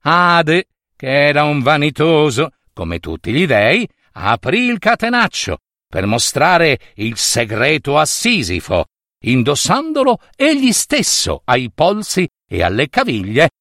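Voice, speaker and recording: A man narrating a myth as a storyteller, theatrical and drawn-out, with dramatic pauses. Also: on the high side, huge pitch swings, fairly bright tone, no room sound, studio quality.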